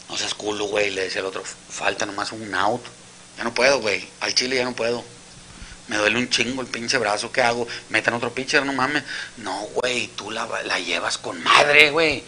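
A man's voice: lowish voice, bright, forceful tone, slight background noise. A man with a Mexican Spanish accent telling crude jokes in a casual storytelling style, acting out each character in his story. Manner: crude slang, acts out every character.

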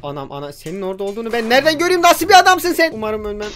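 A man giving jokey, excitable commentary while playing a video game, breaking into yelps and shouts. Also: extremely high pitch, rapid-fire. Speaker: gaming YouTuber. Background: game music.

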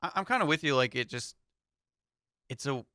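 A young man with a bright, crisp voice chats easily about football, hedging with little fillers as he thinks. He is recorded dry on a close mic. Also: medium pitch, lively intonation, moderate pace, no room sound. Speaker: co-host. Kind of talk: casual sports chat.

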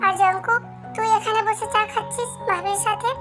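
Strict scolding mom, woman reading her, very high pitch, music under it. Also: fairly even intonation, a little fast, fairly bright tone. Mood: firm. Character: stern middle-aged mother.

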